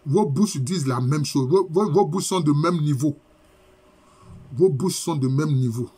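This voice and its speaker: A middle-aged professor gives a university lecture. His voice is husky and sits fairly high for a man. He explains each term slowly and repeats key phrases. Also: dark tone.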